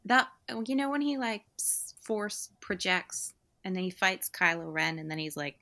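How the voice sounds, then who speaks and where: A woman's voice: lowish voice, expressive, normal speed, sharp tone. A woman co-hosting a podcast, building long analytical arguments in casual chat. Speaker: podcast co-host. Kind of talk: casual film discussion.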